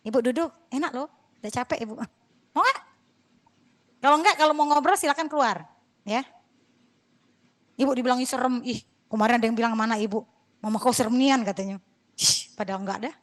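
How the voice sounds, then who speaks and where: A woman's voice: sits high, fairly bright tone. A middle-aged woman lecturing university students in a chatty, digressive way, sometimes mildly scolding. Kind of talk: classroom lecture.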